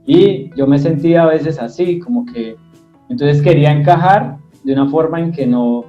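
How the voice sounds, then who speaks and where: A man's voice: a little high, dark tone, lo-fi sound, faint music behind. A young man with a Tolima Colombian accent, a comedian speaking reflectively in a casual interview. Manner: reflective, self-deprecating, fills pauses with "eh". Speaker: comedian guest. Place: at home.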